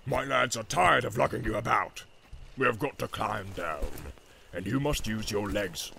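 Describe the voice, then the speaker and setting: A man's voice: fairly low pitch, a little slow, sharp tone, slight background noise, voice pushed down, heavily acted. Ugluk, a man doing a growling orc captain. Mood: menacing. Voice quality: gravelly, growling. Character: brutal male orc captain, gruff and menacing.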